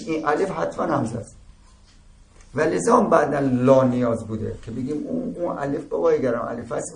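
This medium-pitched, gravelly male voice leads a religious seminary lecture, building the explanation step by step. He often pauses to ask "درست شد؟" so students stay with him, and the room is echoey with faint ambient noise.

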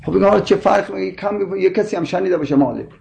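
A man's voice: sits high, creaky, darkish tone, slight background noise. A man in a scholarly debate, insistently explaining his point with repeated examples. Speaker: scholar explaining linguistics and Quran readings.

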